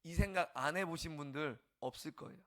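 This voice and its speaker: A male pastor giving an early-morning revival sermon, passionate, swinging from loud exclamations to hushed near-whispers. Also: fairly high pitch, brisk.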